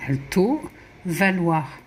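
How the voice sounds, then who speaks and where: A woman's voice: lowish voice, lively intonation, drawn-out words, slight background noise. A woman chatting casually at home, muttering letters and numbers to herself as she works through puzzle games and mocks her own mistakes. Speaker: YouTuber. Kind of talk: casual chat while playing puzzle games.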